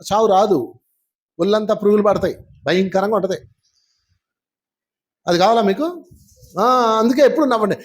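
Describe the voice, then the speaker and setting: A man giving a spiritual class, telling stories in a lively way and putting questions to his audience. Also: very high voice, slightly rough. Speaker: spiritual teacher.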